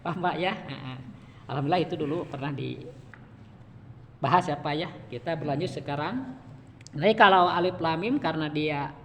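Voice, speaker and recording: A man's voice: fairly high pitch, fairly bright tone, a little hiss or hum. A man giving a one-on-one Quran reading lesson, patient and repetitive, often checking in with his student. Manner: patient, repeats each point and keeps addressing the student. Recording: reverberant room.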